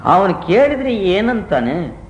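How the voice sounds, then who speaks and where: A man's voice: sits high, very animated, takes it slowly, highs cut off. A man giving a devotional discourse to a gathering, telling stories and asking rhetorical questions. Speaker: spiritual teacher. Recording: roomy 1990s satsang recording with faint hiss.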